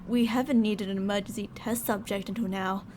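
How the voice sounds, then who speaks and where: In a noisy setting, a woman with a mid-range voice speaks briskly and steadily, acting only lightly. She plays a controlling mad scientist in an ASMR audio drama, a sweet-talking, fretful captor who is sugary and polite yet ready to turn stern and commanding. Her mood is businesslike and slightly worried.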